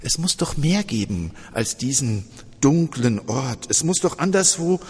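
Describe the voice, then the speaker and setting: A man voicing an unborn girl in a sermon story, gentle and wondering. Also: mid-range voice, lively intonation, unhurried, slightly rough, long reverb tail. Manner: hesitant, wondering.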